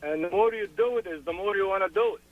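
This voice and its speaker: A man's voice: high-pitched, fast talker. Man from Egypt on a tinny phone line. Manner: friendly, earnest, rambling. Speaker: caller. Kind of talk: phone call-in chat.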